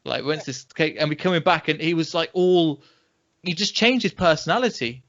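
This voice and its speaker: A young man from England with a British accent, telling lively anecdotes as a podcast co-host in casual chat. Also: on the high side, fairly quick. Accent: British English. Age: young adult. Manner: animated anecdote-telling, acts out quoted reactions. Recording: dull lo-fi podcast audio.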